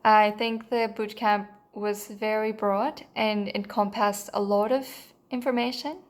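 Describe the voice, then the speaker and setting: A course participant, a Mexican woman, delivers an unscripted testimonial in a mid-range, flat and even voice at a measured pace. Her manner is earnest yet hesitant, with frequent fillers and restarts.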